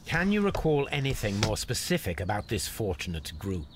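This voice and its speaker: A man's voice: fairly low pitch, sing-song, normal speed, noisy background. An actor playing a composed male detective who questions witnesses politely and formally in a video game. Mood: calm inquiry. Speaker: investigator.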